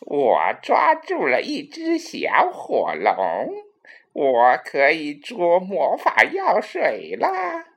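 A woman voicing a spiteful old witch for a children's storybook, with a sinister, snarling, raspy whisper. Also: fairly low pitch, huge pitch swings, extremely slow, pitched below the performer's own voice, exaggerated voice. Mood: gloating.

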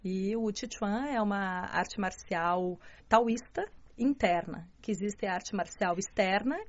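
A woman's voice: mid-range voice, measured pace. A woman with a Curitiba Brazilian accent, chatting as an interview guest and explaining things with frequent checking tag questions. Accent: Curitiba Brazilian Portuguese. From southern Brazil, Curitiba. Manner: explanatory, often seeks agreement with tag questions. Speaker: interview guest, journalist and martial arts student. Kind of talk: relaxed conversational interview. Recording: slightly dull, lo-fi interview recording.

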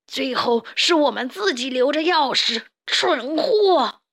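Storybook villain: a woman doing a mean, bossy male rat boss, sneering, slightly high. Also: expressive, slow pace, pushed and bright, heavily acted. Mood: scolding. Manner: sneering, barks insults.

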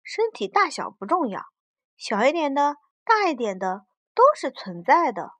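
A bubbly storybook sidekick exclaims and reassures in a high, bright voice, as a woman acts it out. Close and dry, it carries a loud, encouraging lift. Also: sing-song, normal speed, no room sound. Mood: cheering. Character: cheerful, caring little companion who reassures a child.

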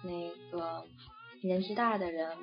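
Gravelly young Chinese woman chatting. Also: on the low side, steady tone, a little slow. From China. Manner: chatty, rambling with many fillers and restarts. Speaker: interviewee. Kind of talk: casual chat. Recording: dull lo-fi audio with faint music.

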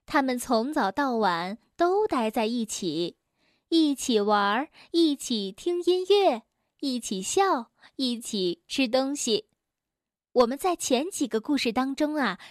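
A woman telling a children's bedtime story in a gentle, coaxing way, close to the mic. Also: sits high, dry recording.

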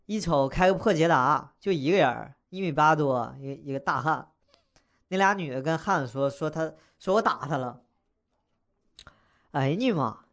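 A young man telling a funny personal story in a casual, slangy, wisecracking way, chuckling as he goes. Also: on the high side.

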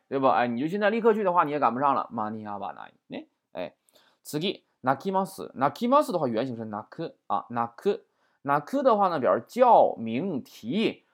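A man's voice: a little high, fairly bright tone. A man teaching a vocabulary lesson in a chatty way, often asking "right?". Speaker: Japanese language teacher.

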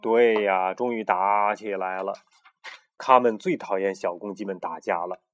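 A man reading a picture storybook aloud to a child in a relaxed way, often stopping to ask the listener questions. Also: fairly low pitch, unhurried. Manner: chatty, stops to quiz the listener. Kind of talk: casual read-aloud storytelling.

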